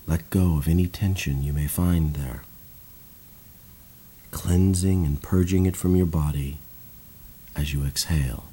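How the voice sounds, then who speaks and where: A man guiding a slow, calm breathing and body relaxation exercise in a soothing voice. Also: rumbling low, breathy edge. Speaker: meditation guide. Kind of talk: guided relaxation narration.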